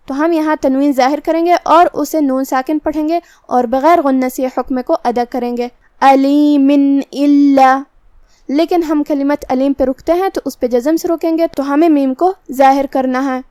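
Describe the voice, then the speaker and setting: Woman tajweed teacher, high voice, close dry mic, methodical explainer. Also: darkish tone, no room sound. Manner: slow, careful explanation of pronunciation rules. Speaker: Quran recitation teacher. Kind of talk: tajweed lesson.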